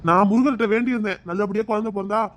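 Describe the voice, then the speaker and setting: A woman voicing an elderly, devout village grandfather in a cartoon, speaking slowly and softly. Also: mid-range voice, voice pushed down, close to an everyday voice. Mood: mild. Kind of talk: cartoon voice acting.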